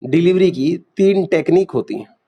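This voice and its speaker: Man, classroom lecture, quizzes students, somewhat high voice. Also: animated, moderate pace, warm tone, breathy edge. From India. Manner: quizzing students, repeating key terms. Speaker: teacher.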